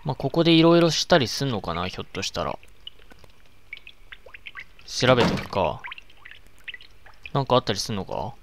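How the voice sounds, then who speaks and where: A man playing a horror game, muttering to himself and yelling back at the ghosts. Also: medium pitch, big pitch swings, moderate pace, creaky, pauses often, very noisy. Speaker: let's-play streamer. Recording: loud rain game audio behind.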